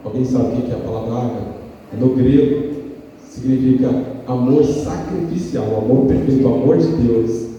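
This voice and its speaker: A man preaching a sermon as an evangelist, addressing the congregation as brothers and swinging between high and low pitch. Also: normal speed, warm tone, muffled recording, slight background noise. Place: church hall. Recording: echoey hall recording from far off.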